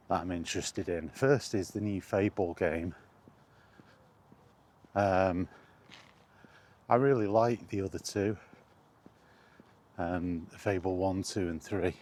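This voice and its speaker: A low-voiced man hosts a solo podcast while walking outdoors to and around a park, rambling casually. His delivery is halting and understated, full of pauses and hesitations. Steady background noise and outdoor ambience fill the recording.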